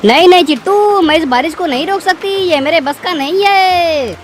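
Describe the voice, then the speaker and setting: Woman voicing a sweet, very high magic cat. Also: moderate pace, very noisy. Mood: hurt. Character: magical female cat, kind and doting. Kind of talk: cartoon voice acting.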